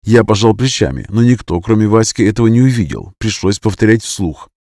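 A man's voice: fairly low pitch, brisk, dark tone, no room sound. Man reading a first-person story, bone-dry. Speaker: audiobook narrator. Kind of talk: first-person fiction narration.

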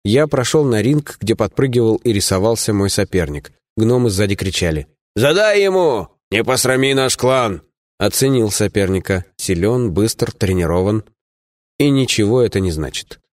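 Man, audiobook narration, first person, low voice, dry booth sound. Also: normal speed, darkish tone, no room sound.

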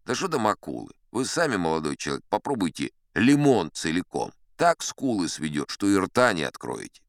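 An actor playing a pompous old sea captain, telling tall tales in a theatrical audiobook style with chatty asides. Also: male voice, low voice, sing-song, normal speed, no room sound, studio quality. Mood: pompous, wry. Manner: pompous, conversational asides to a young listener. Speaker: audiobook performer narrating as a character. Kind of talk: theatrical first-person storytelling from an adventure audiobook.

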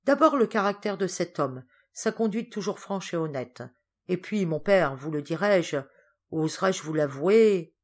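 A woman's voice: lowish voice, animated, measured pace, a little mellow. A woman reading the part of an impassioned young man pleading with his father, in a fervent, declamatory way.

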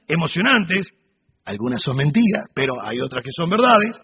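A man teaching a Sunday school sermon, animated storytelling with humorous asides. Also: sits high, slightly rough. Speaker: Bible teacher. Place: church hall. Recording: dull recording in a reverberant hall.

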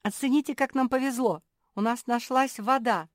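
A woman voicing a cheerful, sensible female dog who talks briskly and wryly. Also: on the high side, expressive, no echo, clean studio sound, pitched above the performer's own voice.

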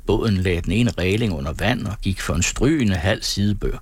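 A man reading a novel aloud as an audiobook narrator, in a measured storytelling manner. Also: low-pitched, expressive, breathy edge, no room sound, clean studio sound. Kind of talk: scripted narration.

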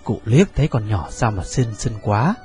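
Một người đàn ông kể truyện đọc, giọng chừng mực. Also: male voice, fairly low pitch, sing-song, normal speed, a little mellow, faint music behind. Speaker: narrator. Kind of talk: audiobook narration.

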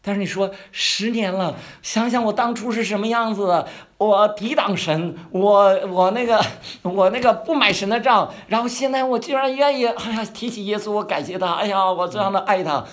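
A man giving a conversational Bible-study sermon. He asks his listeners questions and draws out key words slowly for emphasis. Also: high-pitched. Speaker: pastor or Bible teacher.

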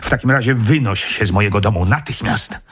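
A man voicing a stern, indignant baronet in a radio reading, commanding and sharp. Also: on the low side, fairly quick, husky. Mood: angry.

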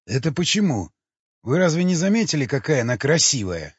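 A man reading an audiobook, voicing a cynical, mocking cannibal who teases and calmly questions. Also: a little high, brisk, breathy edge, no room sound, pitched above the performer's own voice. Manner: sardonic, teasing, calmly questioning. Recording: dull lo-fi recording.

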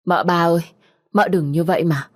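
A woman's voice: deep voice, steady tone, takes it slowly. Woman playing a frightened tearful young maid. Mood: pleading. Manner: anxious, pleading.

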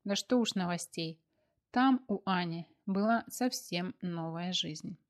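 Female audiobook narrator, expressive, lively telling. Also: fairly low pitch, slow pace.

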